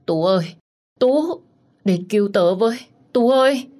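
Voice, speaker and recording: A woman's voice: on the low side, a little fast, a little mellow, slightly rough. A woman voicing a frightened young woman teacher who pleads and cries out. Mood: screaming for help. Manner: pleading, tearful.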